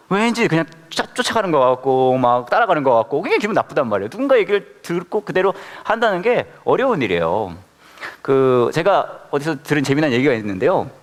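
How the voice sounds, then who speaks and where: A man preaching a sermon at a worship service in an animated manner, often putting questions to the congregation. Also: sits high, big-room sound. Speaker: pastor.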